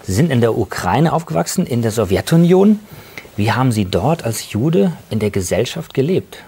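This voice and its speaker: Man, interview host, calm short questions, lively husky tone. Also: medium pitch, moderate pace. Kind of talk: television interview.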